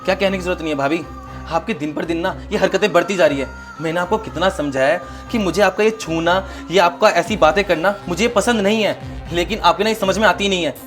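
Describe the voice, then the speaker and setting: A man's voice: high voice, brisk, fairly bright tone, soft background music. A young man playing a dutiful student brother-in-law in a short film drama, earnest and exasperated. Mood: exasperated refusal. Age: young adult.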